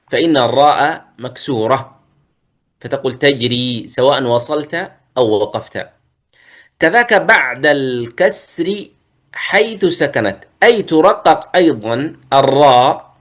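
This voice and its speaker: A man teaching a tajweed lesson, reciting verses slowly, then explaining and modelling pronunciations. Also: mid-range voice, fairly bright tone.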